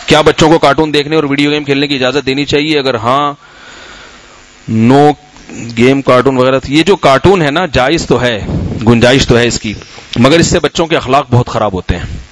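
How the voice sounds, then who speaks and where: A man's voice: medium pitch, slight background noise, poor audio. A middle-aged man from Pakistan, an Islamic scholar giving a conversational sermon, telling anecdotes and asking the audience questions. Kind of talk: sermon and Q&A talk.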